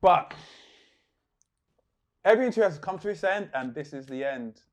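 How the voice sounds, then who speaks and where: An easygoing man hosts a casual interview and jumps in eagerly on his guest's ideas. His voice sits fairly high. It rises and falls in a lively way. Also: normal speed. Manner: easygoing, upbeat, eager to join in. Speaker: host.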